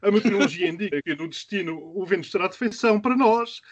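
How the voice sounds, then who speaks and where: A man's voice: high voice, quick pace, highs cut off, pitched above the performer's own voice. A man with a European Portuguese accent playing a male airline captain who makes a mock-formal cabin announcement to passengers. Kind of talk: comic satire on a talk show.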